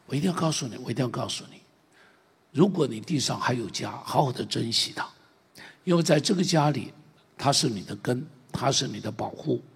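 A man preaching a sermon, retelling a story with many repeats and swings from loud to hushed, in a very husky, gravelly voice. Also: medium pitch. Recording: long hall reverb.

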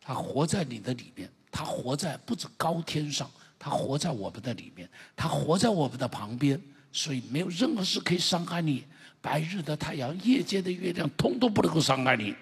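A man preaching a sermon to a congregation as pastor, emphatic and building to shouted climaxes. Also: fairly high pitch, lively intonation, fairly quick, creaky, a little hiss or hum. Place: church sanctuary. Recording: long reverb of a large church hall.

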